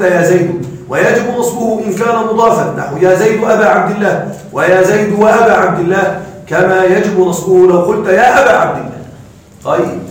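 High-voiced man teaching in an echoey classroom. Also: slight background noise. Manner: quizzes students with questions, recites verses slowly. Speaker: grammar teacher. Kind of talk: classroom lecture on Arabic grammar. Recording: echoey room from a distance.

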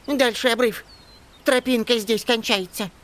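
A calm, measured male elf from a storybook audiobook, as the reader plays him, who gives careful advice. He hesitates and stammers when frightened, and speaks of himself by name. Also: medium pitch, lightly acted. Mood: urgent. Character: wise but timid male elf, afraid of spiders. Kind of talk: audiobook character voice.

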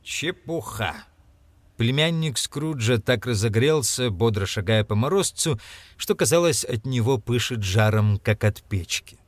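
A man narrating an audiobook with expressive storytelling. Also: mid-range voice, moderate pace, no room sound.

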